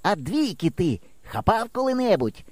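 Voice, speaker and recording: A man reading an audiobook voices a gruff, awkward village boy with a husky voice and blunt, fussy questions. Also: a little high, big pitch swings, unhurried, a little mellow, dry recording, pitched above the performer's own voice. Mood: earnest. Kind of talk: audiobook character voice.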